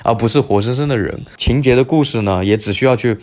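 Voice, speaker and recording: A man's voice: mid-range voice, fast talker, a little mellow. A man co-hosting a podcast, chatting casually about films in a thoughtful, rambling way with frequent restarts. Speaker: podcast co-host. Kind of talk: casual film chat.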